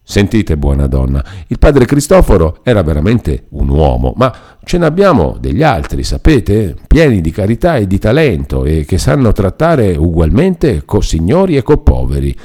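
A man's voice: low-pitched, huge pitch swings, normal speed, hardly any pauses, mellow, exaggerated voice. A man voicing a chatty self-important old friar. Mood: garrulous. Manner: garrulous, explaining, reassuring.

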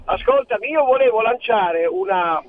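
A man's voice: high voice, animated, normal speed. A man from Friuli Venezia Giulia calling in to a radio show over the telephone, talking in long winding sentences. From Friuli Venezia Giulia, Italy. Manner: winding, theorizing, loose sentences. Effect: heard over a telephone line. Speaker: radio caller. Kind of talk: rambling phone-in call. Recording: tinny phone line with faint hiss.

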